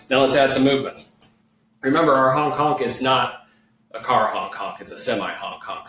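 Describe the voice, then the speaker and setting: A man teaching an online children's music lesson, leading slow, patient call-and-response. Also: on the low side, fairly bright tone, far from the mic, a little hiss or hum. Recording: echoey room with guitar playing.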